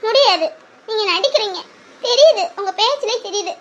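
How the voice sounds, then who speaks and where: A woman's voice: very high voice, lively intonation, normal speed, fairly bright tone, highs cut off. A woman voicing a hurt young wife who sulks and reproaches her husband, laughing through her complaints. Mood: reproachful. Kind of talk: Tamil audio drama.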